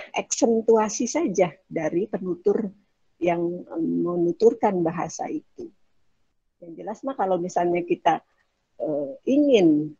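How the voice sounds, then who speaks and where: A woman's voice: lowish voice, creaky, warm tone, slightly rough, dry recording, muffled recording. A woman lecturer explaining Arabic pronunciation patiently in an online class. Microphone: video call.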